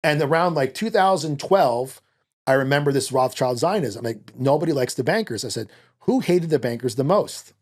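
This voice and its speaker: Speaking into a close boom-arm podcast mic in a small studio, this Italian-born American former Marine, middle-aged, shares personal stories as a podcast guest. His mid-range voice moves at normal speed. He's casual, animated, blunt and profane, and he performs the dialogue he quotes.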